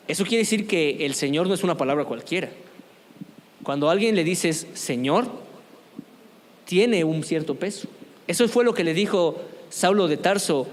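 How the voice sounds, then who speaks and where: A man with a fairly high voice leads a church youth lesson on apologetics, the church meeting room sounding big around him. His style is conversational, and he frequently puts questions to the group.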